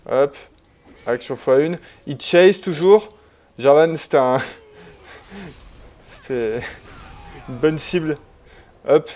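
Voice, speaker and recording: Chatty man commenting his game replay. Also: mid-range voice. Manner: relaxed, chatty, many fillers and restarts. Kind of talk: casual gameplay commentary.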